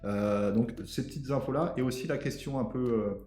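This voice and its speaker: A man's voice: medium pitch, moderate pace, darkish tone, soft background music. A man hosting a casual interview podcast, speaking informally and stacking several questions at once. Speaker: podcast host. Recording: roomy echo.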